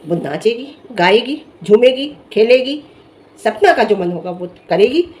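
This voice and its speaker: A woman's voice: a little high, unhurried. A young woman vlogger giving an emphatic, scolding commentary to camera. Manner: scolding, emphatic, animated rant. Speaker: vlogger reviewing social media drama.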